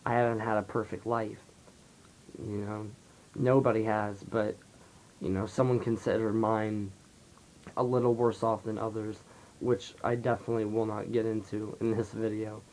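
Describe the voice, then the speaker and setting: A teenage guy in his late teens rambles softly through a confessional, casual vlog monologue, leaning heavily on fillers as he opens up to the camera. His voice is low, flat, raspy and dry-throated, at a moderate pace. The recording is low quality, with a faint rumble underneath.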